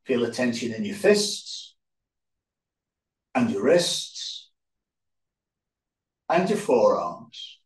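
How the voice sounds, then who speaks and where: A yoga instructor, a man with a medium-pitched voice, leads a guided relaxation at a slow, unhurried pace. He speaks calmly in short phrases separated by pauses. The microphone sits at a distance, leaving a roomy echo.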